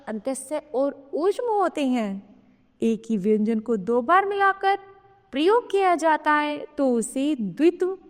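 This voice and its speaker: Woman teacher, high voice, measured delivery, grammar lesson for kids, roomy reverb. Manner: slow, explanatory, checks in with "theek hai". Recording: long reverb.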